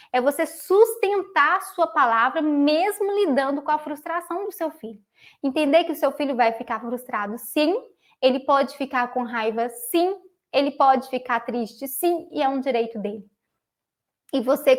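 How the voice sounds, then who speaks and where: A woman with a high voice coaches parents on setting limits. She speaks earnestly, leans on repeated phrases and keeps checking in with listeners through short tag questions. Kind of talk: talking-head advice video.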